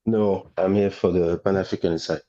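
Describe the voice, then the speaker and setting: A man's voice: low voice, steady tone, moderate pace, dark tone. Man on a crackly, breaking-up call line. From France. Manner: hesitant, asks for things to be repeated. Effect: crackly call audio that cuts out. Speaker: call-in guest on a livestream debate. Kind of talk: casual call-in talk. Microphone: headphones over an online call. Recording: dull, distant call-in line.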